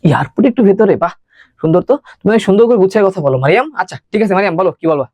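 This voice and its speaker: A young man teaching a live online science class, talking fast and chatty and mixing in English words. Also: sits high, animated, darkish tone, no room sound, studio quality.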